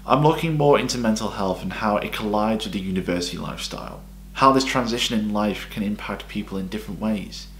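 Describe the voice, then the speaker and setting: A man narrating his own documentary in a measured, personal and earnest voice-over. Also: on the low side, fairly bright tone, slight background noise. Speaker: documentary maker and interviewer. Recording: voice-over with music underneath.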